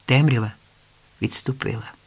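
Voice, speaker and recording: A man reading a historical folk tale aloud in a measured, expressive storytelling manner. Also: mid-range voice, slightly rough. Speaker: audiobook narrator. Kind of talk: scripted narration.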